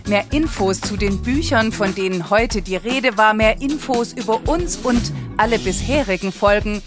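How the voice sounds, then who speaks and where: A woman podcast host closing the episode with a friendly, measured scripted outro. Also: mid-range voice. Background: music.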